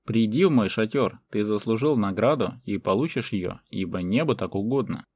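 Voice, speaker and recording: A male narrator voicing a proud warlord who declaims in a booming, commanding way. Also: animated, moderate pace, darkish tone, husky, dry recording.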